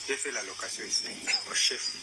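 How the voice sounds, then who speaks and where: Male cattle herder, field interview, halting speech, loud outdoor noise. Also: medium pitch. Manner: hesitant, repeating words.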